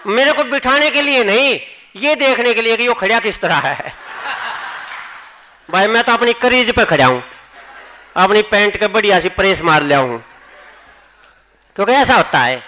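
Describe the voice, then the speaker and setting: A man's voice: high voice, expressive, moderate pace, long pauses, sharp tone, slight background noise, rough recording. A man with a Haryanvi accent reciting humorous poetry at a college gathering and joking with the audience between verses. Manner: joking, chatty asides to the audience. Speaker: poet.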